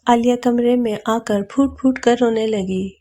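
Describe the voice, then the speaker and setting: Mellow-voiced woman narrating a novel. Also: fairly high pitch, steady tone.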